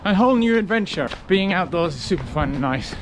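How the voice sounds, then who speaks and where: A man talking casually to camera as a running vlogger, in a reflective, conversational way with halting short phrases. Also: high-pitched, lively intonation, background noise. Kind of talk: casual vlog talk to camera.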